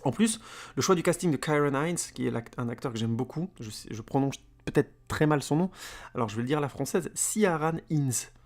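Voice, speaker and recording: A man's voice: medium pitch, expressive, quick pace, darkish tone. A man giving a casual spoken film review as a podcaster, rambling with many fillers and repeated words.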